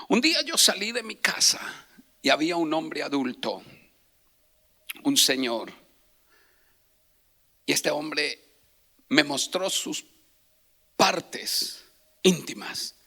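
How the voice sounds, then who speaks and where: A middle-aged man preaching a sermon as pastor, moving from hushed whispers to impassioned shouting. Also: a little high, very animated, takes it slowly, pauses often. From Colombia.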